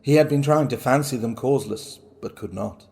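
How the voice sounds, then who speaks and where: A man acting a cunning, boastful madman confessing a murder in a dramatic gothic horror reading, with theatrical, drawn-out phrasing. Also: mid-range voice, creaky, darkish tone, lightly acted. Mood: brooding, gloating. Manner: theatrical, deliberate, drawn-out words.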